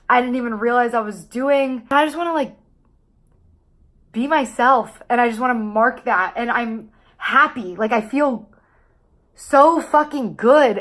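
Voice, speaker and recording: Woman in her late 20s doing a vlog, kinda high voice, casual and confessional, rambles and swears a lot. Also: fairly bright tone. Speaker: vlogger. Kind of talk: candid casual vlog talk to camera.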